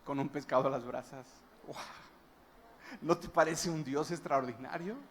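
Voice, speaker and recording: A man's voice: medium pitch, moderate pace, a little hiss or hum. A man preaching a sermon as a guest pastor, retelling a story emphatically and breaking into wondering exclamations.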